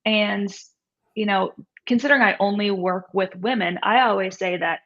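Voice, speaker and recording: Speaking at a moderate pace with a medium-pitched voice, this nutrition coach, a guest aged somewhere in her 30s or 40s, fields interview questions in a chatty, explanatory way. She keeps checking in with "right?" and "you know". The sound quality is lo-fi and dull.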